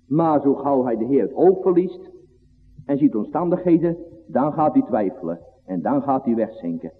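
Preacher in a reverberant church. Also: male voice, fairly high pitch. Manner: old-fashioned preaching cadence, swinging from loud to hushed. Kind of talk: sermon. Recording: phone-like line in a long-reverb church.

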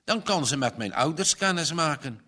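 Cheerful young guy in love, easygoing, bright voice, man doing it. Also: on the high side, lively intonation, normal speed. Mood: tender.

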